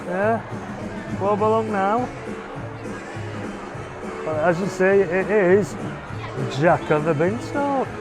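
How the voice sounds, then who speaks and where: He has a high voice, speaks slowly and pauses often, and there's music and crowd noise in the background. The family vlogger carries a handheld camera through a theatre's foyer and private box, narrating in a relaxed, chatty way.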